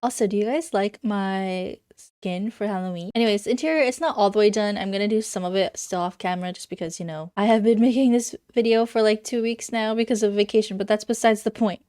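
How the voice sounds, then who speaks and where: A young woman who makes Minecraft videos chats casually while showing off a build, rambling and correcting herself as she goes. Her medium-pitched voice is brisk and mellow with a slightly congested sound. The recording is clean and studio quality, with no echo.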